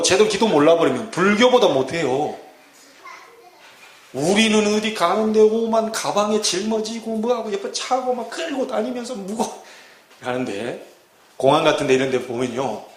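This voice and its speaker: A man's voice: high voice, slight background noise. A middle-aged man preaching a sermon as pastor, acting out scenes with dramatic voices. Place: church sanctuary. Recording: echoey church hall.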